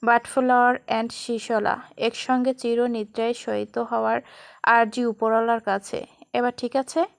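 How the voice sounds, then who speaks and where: Woman voicing a young man, stern, teasing, tender, storybook romance, fairly high voice. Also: steady tone, normal speed, creaky, no room sound, studio quality. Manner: scolding then tender, mixes English words.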